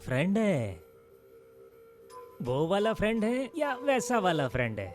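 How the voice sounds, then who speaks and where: A man's voice: sits high, wildly swooping pitch, unhurried, soft background music, heavily acted. An actor playing a nosy, sarcastic middle-aged landlord in a dubbed film, mocking his tenant over late rent.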